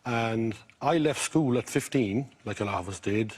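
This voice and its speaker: A middle-aged man from County Mayo with a west of Ireland accent and a husky voice, chatting about his life as a game show contestant. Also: medium pitch, moderate pace.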